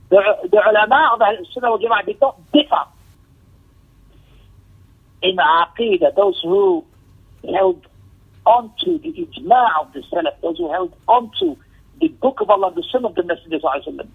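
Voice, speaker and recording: Husky and sing-song, a high-pitched male voice moves fairly quickly through an emphatic Islamic lecture, broken by long pauses. He explains a text with Arabic recitation and quotations and repeats phrases for stress, and the audio is tinny and phone-like.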